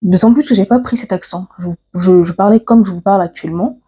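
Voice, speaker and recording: A woman with an African French accent recounts a personal story to her viewers in an earnest, confiding way. Her voice is mellow and a little breathy. She hesitates often, filling pauses and restarting her sentences as she talks. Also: medium pitch. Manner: hesitant, frequent "euh" fillers and restarts. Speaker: vlogger.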